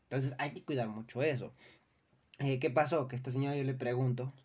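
A young man with a Mexican Spanish accent speaks in a dark, mellow voice, chatting frankly about dealing with rude customers. He drops casual swearing and slips into quick imitations of the people in his stories. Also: medium pitch, steady tone, breathy edge. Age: young adult. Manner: acts out customers and coworkers in quoted voices. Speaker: customer service worker. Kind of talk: casual storytelling monologue.

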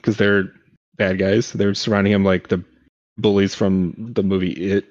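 A lower-pitched man talks fast and loose, recapping wrestling shows with excitement and plenty of cursing. His voice comes through dry and a bit dull and lo-fi, like a home podcast mic. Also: dry recording. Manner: excited, swearing, recaps matches in detail. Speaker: podcast co-host. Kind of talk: casual chat.

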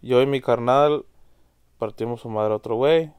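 Smooth-voiced joking man, dry sound. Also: medium pitch, moderate pace, darkish tone, no room sound. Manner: joking, mixes English slang into Spanish. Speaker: podcast co-host. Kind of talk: casual banter.

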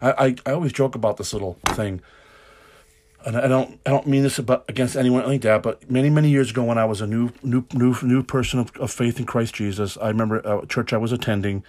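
A man's voice: mid-range voice, steady tone, fast talker, a little mellow. A man preaching an informal sermon on a podcast, rambling and correcting himself as he goes, often chuckling.

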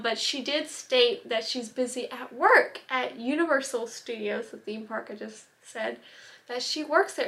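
A woman's voice: fairly high pitch, vocal fry, a bit bright. A young woman casually telling a true-crime story, chatty, full of "like" and little asides. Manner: chatty, many "like" fillers and asides.

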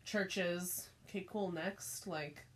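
A woman's voice: on the low side, steady tone, slow pace. Young woman, easygoing conversational vlog voice, casual and blunt. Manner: laid-back, swears casually. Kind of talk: casual chat.

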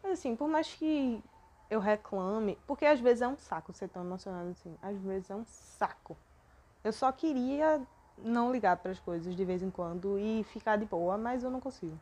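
A woman's voice: medium pitch, animated, moderate pace, darkish tone. A young Brazilian woman hosting a personal podcast, talking in a rambling, self-deprecating and emotional way. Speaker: podcast host.

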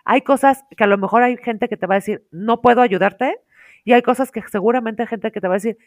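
A woman's voice: a little high, fast, no room sound, clean studio sound. Chatty Mexican woman telling a story. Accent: Mexican Spanish. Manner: animated storyteller acting out quotes. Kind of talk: casual chat.

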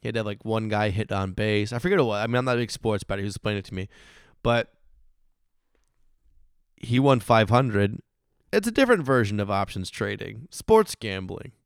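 Man, hoarse, rambling casual chat, lowish voice, dry close sound. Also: expressive, brisk, long pauses, dry recording. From Michigan. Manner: rambling, self-interrupting, laughs often. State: hoarse, lost his voice.

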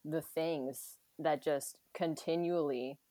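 A young woman hosting a chatty podcast, telling stories with a joking, animated delivery and plenty of laughter. Her voice sits a little low for a woman. The sound is dry and close, with no room echo. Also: slow. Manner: animated, jokey storyteller who laughs often. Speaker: podcast host, personal trainer. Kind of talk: casual chat.

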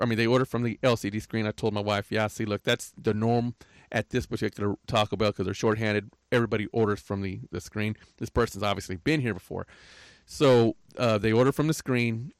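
A man's voice: mid-range voice, no echo. An older man telling a rambling, aggrieved story in a casual rant, often tagging his lines with "right?". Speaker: podcaster.

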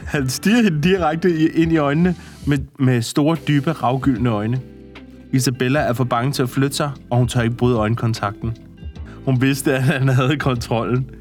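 A man's voice: medium pitch, steady tone, darkish tone, soft background music. A man reading a story aloud to a co-host, often breaking into laughter and adding comments. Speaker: podcast co-host.

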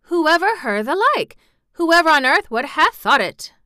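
A woman's voice: a little high, sing-song, takes it slowly, sharp tone, no echo, clean studio sound, pitched above the performer's own voice, exaggerated voice. Woman doing an amazed Yorkshire housekeeper. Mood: astonished. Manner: exclaiming, astonished broad dialect. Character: stern middle-aged housekeeper, astonished.

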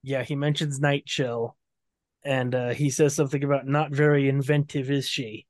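A man's voice: mid-range voice, flat delivery, moderate pace, a little mellow, dry recording, studio quality. A man co-hosting a casual book discussion podcast, recapping scenes and reading quotes aloud. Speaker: podcast co-host.

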